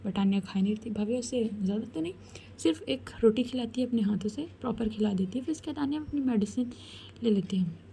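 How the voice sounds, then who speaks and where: A woman storyteller narrating a romance in a chatty, soft-spoken way, addressing the listeners. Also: fairly high pitch, animated, fast, creaky, a little hiss or hum.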